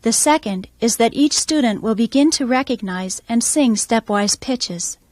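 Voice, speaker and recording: A woman music teacher explaining her methods in a calm, measured instructional voice-over. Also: fairly high pitch, dry recording.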